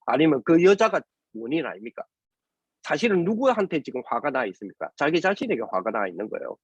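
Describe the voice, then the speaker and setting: A man's voice: a little high, sing-song, fast talker, breathy edge, no room sound. A man preaching a sermon, firing rhetorical questions and tagging "right?" onto nearly every phrase. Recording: dull lo-fi recording, dry.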